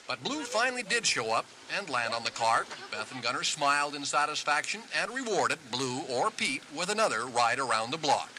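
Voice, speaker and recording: Male TV reporter voice-over, wry and measured, bright, fairly high, animated delivery. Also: a little hiss or hum, rough recording. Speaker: field reporter. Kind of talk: scripted narration.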